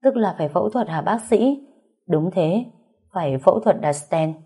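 Woman voicing a calm, clinical male doctor. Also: on the low side, breathy edge. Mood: serious. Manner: measured, matter-of-fact.

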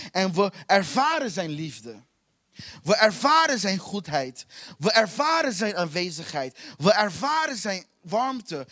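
Man preaching, high-pitched, impassioned and repetitive, dynamic volume. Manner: impassioned, repetitive, swings between soft and loud. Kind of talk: sermon.

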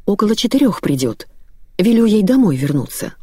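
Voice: mid-range voice, sing-song, a little fast, warm tone, slightly rough, no room sound, voice pushed up. Narrator playing a scared old grandmother, timid, pleading, storybook reading, dry close sound. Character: frightened elderly grandmother.

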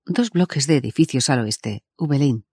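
A man voicing a defiant, sharp-tongued young woman in an audiobook, brusque and scornful and quick to swear. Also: medium pitch, animated, husky, no room sound, clean studio sound. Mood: urgent. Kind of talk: audiobook character voice.

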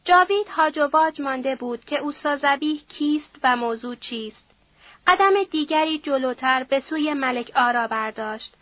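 A woman reading a novel aloud as an audiobook narrator, in a steady, measured way. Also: high voice, dry recording, dull audio.

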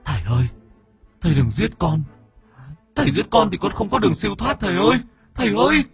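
A man doing a shrill, cruel demon. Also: big pitch swings, fairly quick, gravelly, husky, faint music behind, heavily acted. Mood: whining plea. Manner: taunting, then shrill wailing and cursing. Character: vicious shape-shifting demon, sly, mocking, cruel.

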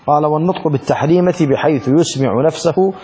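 A man's voice: fairly high pitch, fast, dark tone, a little hiss or hum. Man teaching a religious text. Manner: asks questions and answers them himself; repeats key words for emphasis. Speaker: teacher of Islamic law. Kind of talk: religious lesson, explaining a classical text.

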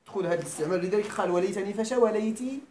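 A man's voice: high-pitched, racing, a little mellow. A man with a Moroccan accent giving a classroom grammar lecture, often quizzing his students and checking that they follow. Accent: Moroccan Arabic. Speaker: teacher of Arabic grammar. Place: lecture room at a Quran school. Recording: echoey room, faint background noise.

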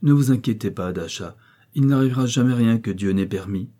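A man voicing a gentle, devout young woman who answers calmly and quietly. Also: fairly low pitch, brisk, natural voice. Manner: calm, quiet, steady replies. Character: gentle, devout young princess, frightened but resolute.

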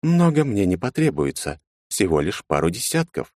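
A man voicing a tall insect-helmed alien man who is calm and polite, with a pleasant, slightly mechanical voice. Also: fairly low pitch, normal speed, dry recording, clean studio sound, pitched above the performer's own voice. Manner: calm, polite, quietly threatening.

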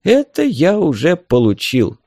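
A man voicing a courteous older male merchant in a storybook reading, polite and measured. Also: on the high side, huge pitch swings, darkish tone, dry recording, studio quality, voice pushed up, heavily acted.

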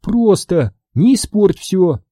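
A man voicing a lively, bossy young woman who runs a café, emphatic and exasperated, in an audiobook. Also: high voice, normal speed, breathy edge, no room sound, clean studio sound, pitched above the performer's own voice, exaggerated voice. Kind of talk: audiobook character voice.

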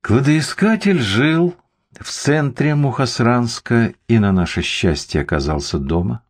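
A man's voice: mid-range voice, expressive, a little slow. A man narrating a first-person crime story in a wry, dry manner. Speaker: audiobook narrator.

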